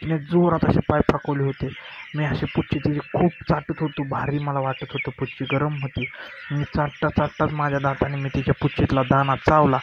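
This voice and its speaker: A man tells a first-person story in a plain, unhurried way. His voice is a little high and stays flat, with little rise or fall from line to line. The recording sounds dull and lo-fi, with a clear steady noise behind him. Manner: plain, unhurried retelling with quoted dialogue.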